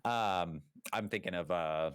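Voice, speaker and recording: Low-voiced rambling podcast man. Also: measured pace, clean tone, no room sound, studio quality. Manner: rambling, filler-heavy, self-correcting. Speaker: podcast co-host. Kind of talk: casual chat.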